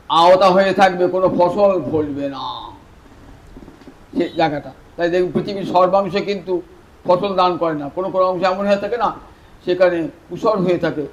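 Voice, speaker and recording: High-voiced man telling a scripture tale. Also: rough recording. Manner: animated storyteller who addresses listeners directly; swings from soft, slow phrasing to louder, emphatic bursts. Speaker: Vaishnava preacher. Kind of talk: devotional scripture storytelling sermon.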